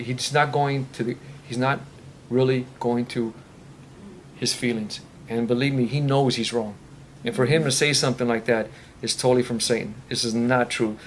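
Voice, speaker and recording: A man's voice: mid-range voice, a little hiss or hum. Earnest man answering questions at a meeting. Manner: earnest, faith-filled, rambling with restarts. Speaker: recovery ministry speaker. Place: meeting room.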